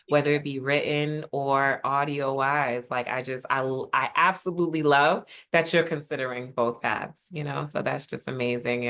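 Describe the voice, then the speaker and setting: A woman's voice: extremely low pitch, fairly bright tone. A woman leading a writing group over a video call, effusive and affirming, often calling people sis. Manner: frequent murmured mm-hmms while listening. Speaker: writing course facilitator.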